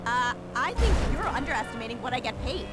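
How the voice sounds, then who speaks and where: An actress playing a spoiled, hysterical young film starlet with an American accent, indignant and self-important, in a video game. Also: female voice, big pitch swings, fast talker, very noisy. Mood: haughty, indignant. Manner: shrill, indignant, entitled. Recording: game audio with loud music.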